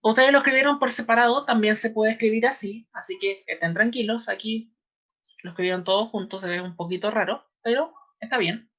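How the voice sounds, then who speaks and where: A woman with a Chilean accent teaching a chemistry class online, patient and repeating terms slowly for her students. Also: on the high side, a bit bright. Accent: Chilean Spanish. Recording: slightly dull lo-fi online class audio.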